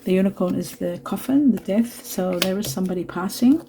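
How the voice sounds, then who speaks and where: A woman giving a spiritual tarot reading to her viewers, talking softly and reassuringly, pausing with fillers and asides. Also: mid-range voice, background noise. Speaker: tarot reader. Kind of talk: spiritual card reading to camera.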